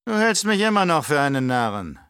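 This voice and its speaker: A man voicing a scheming old baron with a slow, mocking, condescending delivery in an audiobook. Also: a little high, big pitch swings, a bit bright, clean tone, no echo, clean studio sound, voice pushed up. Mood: menacing. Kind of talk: audiobook character voice.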